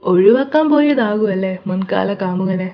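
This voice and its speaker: A woman's voice: medium pitch, animated, normal speed, dull audio, close to an everyday voice. A woman voicing a male doctor and former lover, in an amateur audio drama. He speaks in a taunting, accusing way. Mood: scornful.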